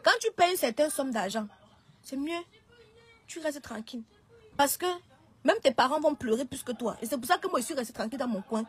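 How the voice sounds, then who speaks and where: Woman streamer, high-pitched, hesitant casual live talk. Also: expressive, brisk. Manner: hesitant, restarts and pleads.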